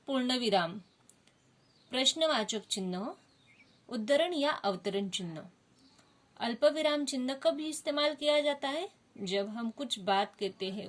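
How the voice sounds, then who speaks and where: A woman's voice: on the high side, a bit bright. A woman teaching a Hindi grammar lesson to children, explaining step by step and asking the class questions.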